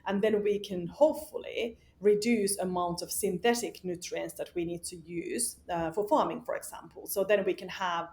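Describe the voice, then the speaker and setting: A woman with a lowish, darkish voice speaks at a moderate pace with fairly even intonation and hardly any pauses. She's a company founder and CEO appearing as a guest in a casual interview, talking emphatically and outspokenly with plenty of "uh" and "you know."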